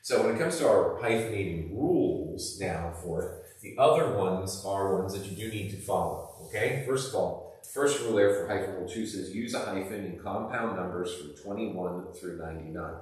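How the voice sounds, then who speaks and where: A man's voice: low-pitched, lively intonation, normal speed, few pauses, a little mellow. A male teacher giving a classroom lesson in a casual, rambling way with lots of fillers, recorded by a camera across the room. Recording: echoey room, distant camera mic.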